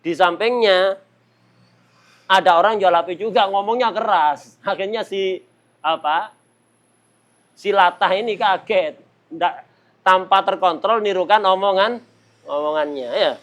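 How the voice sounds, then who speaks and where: Playful high-voiced male religious teacher. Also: measured pace, pauses often, a bit bright. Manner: playful, laughs often, mimics people with sudden outbursts. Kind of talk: kitab study lesson.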